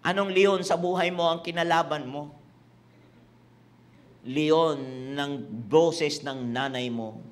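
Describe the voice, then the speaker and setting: Speaking slowly with frequent pauses, a pastor with a fairly high-pitched voice preaches to a congregation in a church hall. He blends Tagalog with English, goes over his points repeatedly, and teases his listeners.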